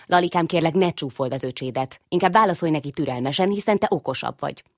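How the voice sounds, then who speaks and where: Mama mouse, gentle and patient, low husky voice, woman reading. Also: no echo, clean studio sound. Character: kind, patient mother mouse.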